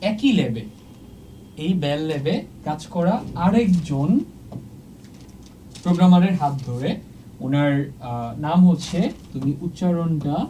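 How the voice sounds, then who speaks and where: A teacher gives an exam-prep lesson while marking a chart, checking in with the class every few phrases and slipping English words into the explanation. The voice is mellow and a little distant from the mic, with faint room noise under it. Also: mid-range voice. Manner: checks in often with "okay?"; mixes English words into speech. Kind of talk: exam-prep lecture at a board.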